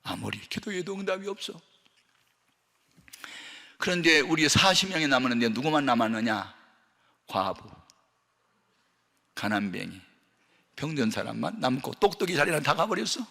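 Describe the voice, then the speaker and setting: An older man preaching a sermon as a pastor, telling a story with lively acted-out voices and sudden shouts. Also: mid-range voice, normal speed, vocal fry, pauses often. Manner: animated, acts out dialogue, shouts at peaks. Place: large church hall. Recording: long hall reverb.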